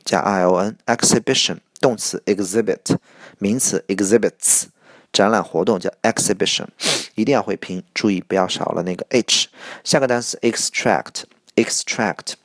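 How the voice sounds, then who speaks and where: Man, English word lesson, very low voice, gravelly, dry close sound. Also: dry recording. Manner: repeats each word slowly, explains in Chinese. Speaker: English vocabulary teacher. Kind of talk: IELTS vocabulary lesson.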